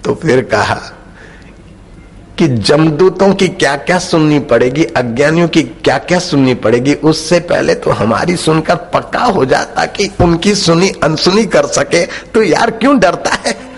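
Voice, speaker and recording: A man preaching a devotional sermon, telling stories and acting out the people in them, stretching some phrases slowly for emphasis. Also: fairly high pitch, husky. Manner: acts out quoted characters in his stories; drops into slow, drawn-out phrases for emphasis. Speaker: spiritual preacher.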